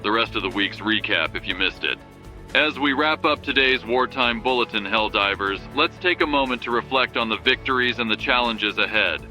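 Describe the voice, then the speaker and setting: A very bright, hard-edged male voice over prominent music as a man acts out a wartime news anchor. He delivers a scripted radio bulletin with grave urgency, rousing the troops like a herald of war. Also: mid-range voice, moderate pace, rough recording. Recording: music behind the voice.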